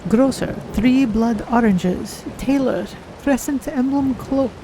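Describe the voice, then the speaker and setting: A streamer plays a game and voices her own character, a curious, naive cat-folk adventurer, musing aloud in careful, formal phrases as in-character playthrough narration. She sounds puzzled, her voice sitting high at a slow pace over a noisy background.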